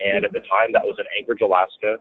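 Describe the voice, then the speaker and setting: A man's voice: on the low side, racing. A man telling a story in a casual interview, acting out other people's lines in a raised voice. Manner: animated, acts out quotes in a raised voice. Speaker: guest, real estate businessman. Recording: tinny phone-like audio.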